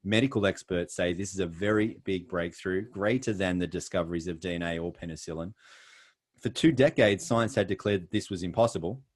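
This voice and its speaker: Over a video call, a middle-aged man from Australia gives a sales presentation in a deep voice. He's earnest and emphatic, with frequent pauses.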